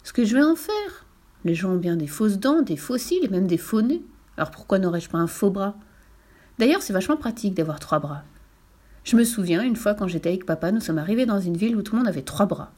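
A woman's voice: medium pitch, sing-song, a little fast, darkish tone. A woman voicing a cheeky, fearless little girl who tells tall tales, in a storybook read-aloud. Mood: boastful. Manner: brash, playful, makes up tall tales.

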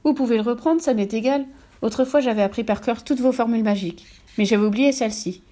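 A woman voicing a gentle, weary ghost princess who speaks softly and sorrowfully, in a storybook reading. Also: on the high side, fast talker, pitched above the performer's own voice, close to an everyday voice. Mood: hopeful. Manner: soft, sorrowful telling.

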